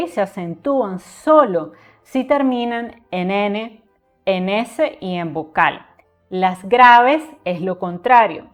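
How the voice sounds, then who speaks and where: A woman from Nicaragua who tutors Spanish writing, patiently explaining grammar rules in a lesson and repeating each one with lists of examples. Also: mid-range voice.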